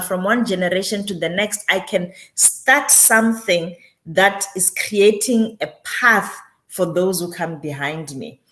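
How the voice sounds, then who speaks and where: A woman with a lowish, slightly bright voice is interviewed as a guest, a community developer and author. She speaks reflectively and emphatically, repeating phrases to drive her points home.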